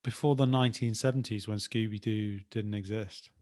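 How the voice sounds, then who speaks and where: A man's voice: lowish voice, fairly even intonation, normal speed, darkish tone. Hesitant man in casual chat. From Birmingham area. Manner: hesitant, thoughtful, restarts. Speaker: podcast co-host.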